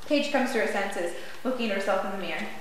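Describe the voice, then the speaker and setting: At an informal table read in an indoor lounge, a young woman reads the stage directions as scripted narration while a seated group holds scripts. Her mid-range voice moves fast, and the echoey room adds long reverb over slight background noise.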